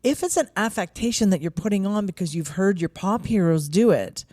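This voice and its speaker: A woman's voice: medium pitch, expressive, brisk, dark tone, dry recording, clean studio sound. A woman songwriter and vocal coach in a casual conversation, earnest and thinking aloud with many likes.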